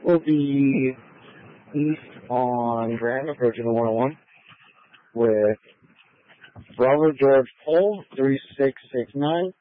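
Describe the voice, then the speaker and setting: A man's voice: medium pitch, slow, long pauses. A man working as a police officer in the field, calling in his position and codes in clipped radio talk over police radio. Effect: police radio transmission. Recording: tinny narrow-band police radio.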